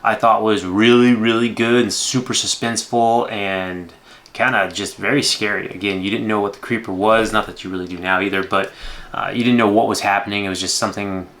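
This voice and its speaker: A man in his thirties with a fairly low voice gives casual film commentary. He talks in a rambling, conversational way as the host of a reaction video. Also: steady tone, brisk, fairly bright tone.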